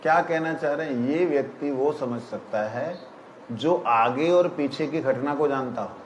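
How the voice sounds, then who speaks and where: A man giving a spiritual discourse on scripture, explaining verses slowly and often checking whether his listeners have understood. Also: medium pitch, roomy sound, a little hiss or hum, rough recording. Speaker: spiritual teacher.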